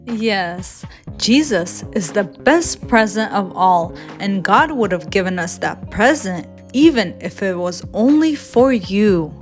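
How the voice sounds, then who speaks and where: Lady being a patient mama bear in a storybook, takes her time, gentle and reassuring, faint music. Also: medium pitch, lively intonation, slow pace. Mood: loving. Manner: gentle, explaining. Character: patient, loving mother polar bear, devout and reassuring.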